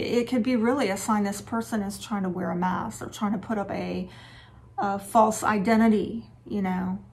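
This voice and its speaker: A woman hosting a relationship advice talk, speaking frankly in a casual, lightly sarcastic way. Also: mid-range voice. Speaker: relationship and dating advice host.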